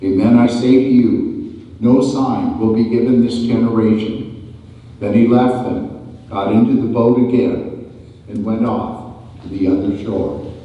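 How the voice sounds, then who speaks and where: A man, a priest, reading the gospel and preaching a homily at Mass in a slow, measured way, his voice carried in cathedral echo. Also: medium pitch, steady tone. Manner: slow, measured delivery with repeated phrases. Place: large church. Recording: dull, distant, echoing church hall.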